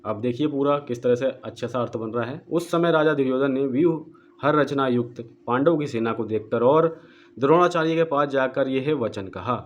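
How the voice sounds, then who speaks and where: Man glossing Sanskrit verses slowly. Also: mid-range voice, dull audio, a little hiss or hum. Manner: slow deliberate word-by-word glossing of Sanskrit. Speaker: Gita book presenter. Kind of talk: explanatory book walkthrough.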